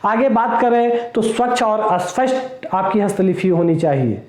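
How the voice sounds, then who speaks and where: A man with a very high voice teaches a class. He explains step by step, repeats key points and throws rhetorical questions at his students. His voice echoes around the room. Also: animated, measured pace. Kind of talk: classroom lecture.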